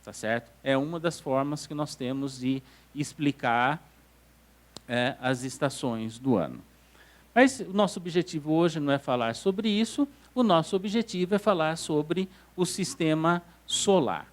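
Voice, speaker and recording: A man's voice: a little high, unhurried. A man with a Brazilian Portuguese accent teaching an astronomy class, explaining step by step and checking that the audience follows. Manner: explanatory, checks understanding with "tá certo?". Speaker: astronomy lecturer. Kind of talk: classroom lecture. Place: council hall lecture room.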